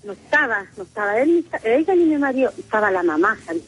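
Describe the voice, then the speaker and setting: A woman's voice: on the high side, sing-song, quick pace, over loud music, poor audio. Chilean woman, emotional phone-in caller. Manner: emotional, rambling storytelling. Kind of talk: phone-in confession.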